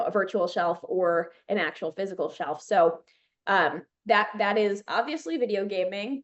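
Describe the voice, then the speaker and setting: A woman in her thirties with a Chicago accent, a company founder, appears as a guest in a casual interview, talking in a chatty, enthusiastic way full of fillers and restarts. Her voice is medium-pitched, and the recording has the high frequencies cut off.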